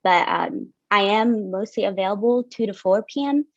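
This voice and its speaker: A young Syrian woman working as a student finance officer presents funding policies over a video call, casual and full of fillers. Her voice is medium in pitch at a normal pace, and the recording is dry, with dull lo-fi call audio.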